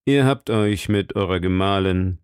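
A man voicing a cold, commanding older cardinal who speaks slowly in a low, measured tone. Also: darkish tone, clean tone, dry recording, clean studio sound.

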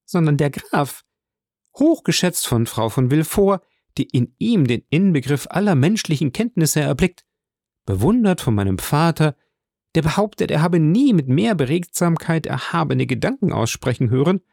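A man's voice: fairly high pitch, big pitch swings, normal speed, vocal fry, darkish tone, no echo, clean studio sound, voice pushed up, full character voice. A man voicing an anxious, earnest young woman in love, speaking in a pleading, emotional way in an audiobook. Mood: agitated.

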